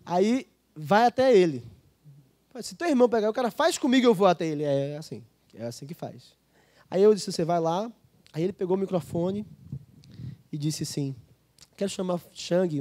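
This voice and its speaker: Brazilian pastor guy preaching, highish voice, mellow tone, chatty storytelling. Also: expressive, a little fast, long pauses. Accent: Brazilian Portuguese. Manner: storytelling, conversational with quoted dialogue. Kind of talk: sermon.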